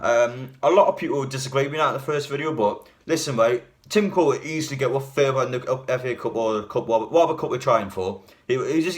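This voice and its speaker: A slightly hungover man chats casually to his viewers as a football fan. He is blunt and opinionated, and he rambles from point to point in a medium-pitched voice. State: a bit hungover. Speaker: football fan video host. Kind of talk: casual fan video talk.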